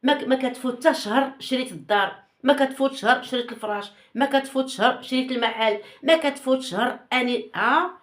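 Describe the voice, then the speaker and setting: A woman's voice: high voice, quick pace. Moroccan woman hosting insinuating gossip talk. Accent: Moroccan Arabic. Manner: insinuating, teasing rhetorical questions, repeats herself. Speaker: gossip channel host. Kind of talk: casual gossip commentary.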